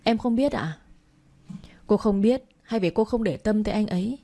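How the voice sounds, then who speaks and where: A woman voicing a sharp-tongued young woman who speaks quickly and cuttingly. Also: mid-range voice, lightly acted. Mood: reproachful.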